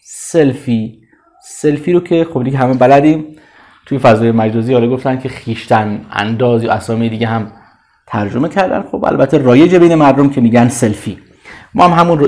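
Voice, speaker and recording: A Persian-speaking man teaching English vocabulary. He says each word slowly, repeats it several times, and then explains it. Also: mid-range voice, darkish tone. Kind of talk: slow vocabulary drill with repetition.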